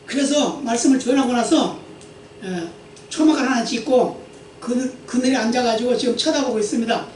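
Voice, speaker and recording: A very high-pitched man preaches a Sunday sermon as pastor in a church sanctuary, reading scripture aloud and unpacking it with rhetorical questions to the congregation. He speaks at a moderate pace in a slightly mellow tone. The mic is distant in an echoey church hall, with a little hiss or hum.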